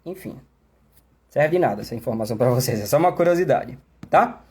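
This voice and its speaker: A man with a Brazilian Portuguese accent teaching English pronunciation in a live online class, chatty and self-mocking, slowing down to exaggerate sounds. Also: mid-range voice, animated, darkish tone. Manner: exaggerated slow demonstrations.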